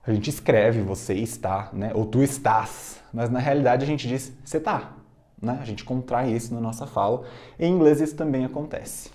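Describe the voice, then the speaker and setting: A man's voice: medium pitch, mellow. A Brazilian man teaching English in a recorded lesson, explaining patiently and having students repeat phrases after him. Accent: Brazilian Portuguese. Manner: clears throat now and then.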